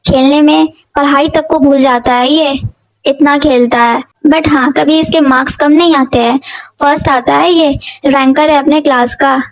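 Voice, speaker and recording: A woman's voice: high voice, steady tone, normal speed, rough recording. A young woman narrating a family birthday vlog as a casual voice-over, chatty and doting, talking straight to her viewers. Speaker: vlogger, aunt narrating a child's birthday.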